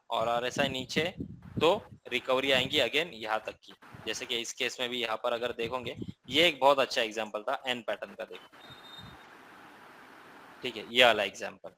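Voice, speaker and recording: A man's voice: mid-range voice, sharp tone, a little hiss or hum, poor audio. A man with an Indian accent teaching a live trading class, explaining casually and often checking in with listeners.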